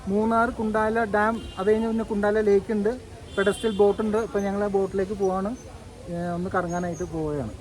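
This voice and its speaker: High-voiced man chatting casually. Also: fairly even intonation, quick pace. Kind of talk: casual vlog chat.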